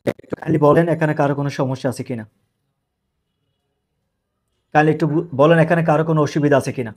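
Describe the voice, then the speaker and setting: Man teaching in a bright pitch. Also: steady tone, fast talker. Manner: asks questions and answers them himself. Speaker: English grammar teacher. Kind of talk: live online class.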